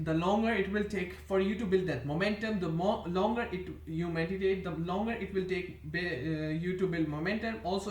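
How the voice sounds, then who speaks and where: An Indian vlogger whose first language is an Indian language rambles to the camera in a high voice, meandering and often restarting and correcting himself. He's off-mic and recorded from a distance, so there's a roomy echo.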